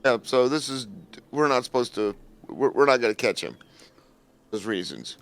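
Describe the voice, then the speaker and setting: A man's voice: medium pitch, expressive, moderate pace, a bit bright, clean tone. A man chatting casually as a player in a tabletop role-playing game. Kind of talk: casual chat.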